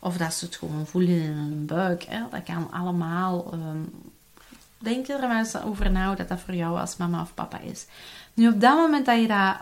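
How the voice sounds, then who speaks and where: A woman with a Flemish accent giving lively, conversational parenting advice, often tagging her sentences with "hè". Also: on the low side, moderate pace. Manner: lively, conversational, frequent "hè" tags. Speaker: parenting coach. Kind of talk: explanatory talk to parents.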